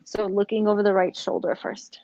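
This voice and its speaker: A young woman guiding a yoga class, giving slow, gentle cues with casual asides. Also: mid-range voice, little pitch movement, dry recording, muffled recording. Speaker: yoga instructor. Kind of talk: guided yoga instruction.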